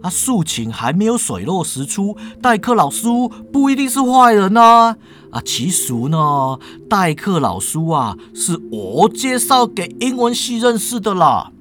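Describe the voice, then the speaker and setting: A loud professor coaxes and placates with plenty of interjections, as a storyteller puts him on. The pitch jumps around a lot, over a faint hiss. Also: sing-song, a little slow. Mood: placating. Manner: loud, coaxing, full of interjections. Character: placating, loud professor trying to calm the room.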